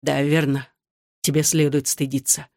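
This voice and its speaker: A reader voicing an anguished, bitter soldier husband who speaks low and clipped through gritted teeth, in an audiobook. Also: male voice, little pitch movement, normal speed, vocal fry, a little mellow, dry recording, clean studio sound. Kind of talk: audiobook dialogue.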